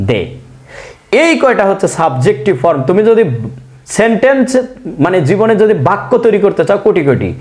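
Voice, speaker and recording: A man teaching spoken English in Bengali, coaxing his viewers with repeated questions. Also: a little high. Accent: Bangladeshi Bengali.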